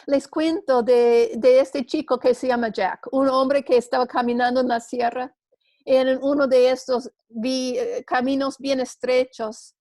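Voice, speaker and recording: A woman's voice: high voice, fairly even intonation, unhurried, mellow, dry recording, studio quality. A woman teaching a church women's class, earnest and telling a story with small restarts.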